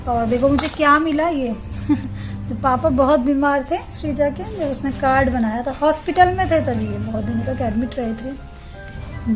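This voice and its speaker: A woman in her thirties chatting casually at home in a family vlog, often asking viewers to agree with her. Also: very high-pitched. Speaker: family vlogger.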